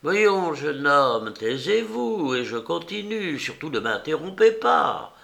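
A man's voice: fairly high pitch, big pitch swings, slow pace, creaky, a bit bright, pitched above the performer's own voice, heavily acted. A man doing a chatty old woman enameller. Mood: rambling. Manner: chatty, meandering, prim. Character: garrulous old woman enameller, fussy and rambling.

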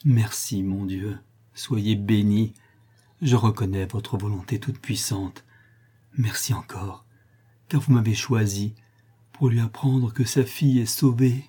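A devout young marquise in a storybook reading, voiced by a man. She speaks fervently and piously in a dark, husky tone. Her emotion stays close to the surface. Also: fairly low pitch, steady tone, measured pace. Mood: fervent prayer. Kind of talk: audiobook character voice.

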